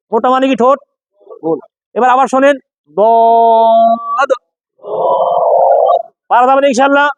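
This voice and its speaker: A man's voice: extremely high pitch, no room sound, rough recording. A man teaching pronunciation to a class, repeating sounds and quizzing students in call-and-response drills. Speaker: Quran reading teacher.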